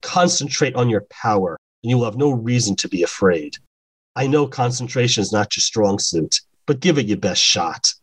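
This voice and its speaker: A man's voice: moderate pace, husky, no echo. A man voicing a stern ancient vampire. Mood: cold, scolding. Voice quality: deep monotone. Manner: cold, chastising.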